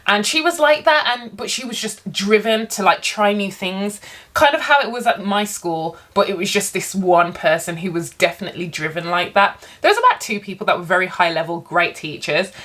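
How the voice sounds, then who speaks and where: A woman vlogger chatting casually to camera while eating, telling stories in an animated way with her mouth sometimes full. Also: medium pitch, normal speed. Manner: animated storytelling, acting out quotes. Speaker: English teacher. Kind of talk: casual mukbang chat to camera.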